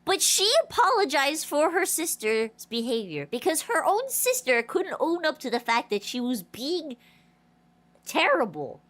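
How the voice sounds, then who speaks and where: A female game streamer, high-pitched and a little slow, tells a rambling story in casual livestream chat. Her delivery is animated but full of restarts, and a blocked nose makes her stuffy and nasal.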